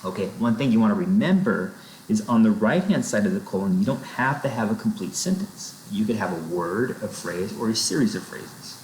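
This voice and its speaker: A man's voice: fairly low pitch, lively intonation, brisk, darkish tone. A man explaining sentence structure in a recorded lecture, checking in with "right?" and "okay?" as he goes. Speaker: writing instructor. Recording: roomy echo, faint noise.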